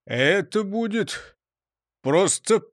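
A man's voice: high voice, lively intonation, drawn-out words, dry recording, clean studio sound, voice pushed up, heavily acted. A man voicing a muttering, candy-loving police prosecutor in a children's story. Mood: musing. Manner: muttering, grumbling. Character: sweet-toothed grumbling police prosecutor. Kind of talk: audiobook character voice.

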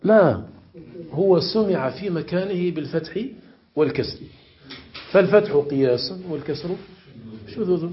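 Sheikh teaching grammar, lo-fi recording. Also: male voice, a little high, lively intonation. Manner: questions students and repeats examples slowly. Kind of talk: classroom lesson explaining morphology.

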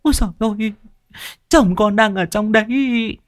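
A man voicing a hysterical middle-aged woman in a ghost story, wailing in falsetto. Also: lively intonation, unhurried.

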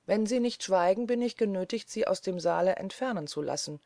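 A reader voicing a stern male judge who speaks in a measured, formal way. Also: mid-range voice, animated, warm tone, no room sound, lightly acted.

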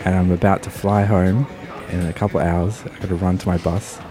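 A man's voice: deep voice, little pitch movement, brisk, a crowd in the background. A man hosting a podcast interview, chatting casually and rambling with lots of fillers. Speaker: podcast host.

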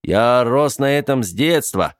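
A man's voice: mid-range voice, animated, a little slow, voice pushed up, close to an everyday voice. A man voicing a bearded uncle from a vampire family, hearty and demanding. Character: bearded older vampire uncle, brusque and jovial.

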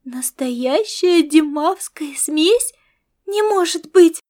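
A woman voicing an excitable young female star cat with a high, coaxing, sing-song manner in an audiobook. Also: slow, heavily acted. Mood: delighted. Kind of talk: audiobook character voice.

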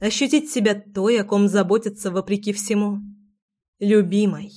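A woman narrating a first-person romance audiobook, reading in an expressive, emotive way. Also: mid-range voice, moderate pace.

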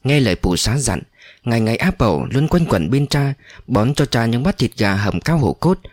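Expressive male storyteller, dry close sound. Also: mid-range voice, normal speed, dry recording. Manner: expressive, dramatic reading. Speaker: narrator. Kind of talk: storytelling narration.

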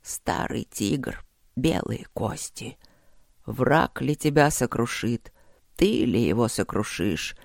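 A man voicing a dying old emperor grandfather who speaks gently to his grandson in a slow, breathy whisper, short of breath. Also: medium pitch, no echo, clean studio sound, voice pushed down.

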